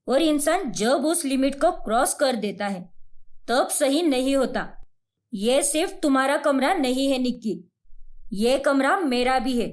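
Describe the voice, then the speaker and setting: A woman's voice: high-pitched, a little mellow. A woman doing a grumpy young husband. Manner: scolding, exasperated. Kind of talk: cartoon voice acting.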